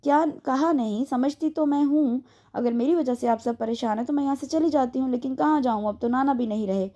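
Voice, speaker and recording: A woman reading an audio novel, voicing a timid, tearful young heroine who speaks in a soft, pleading way. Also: sits high, fairly quick, pitched above the performer's own voice.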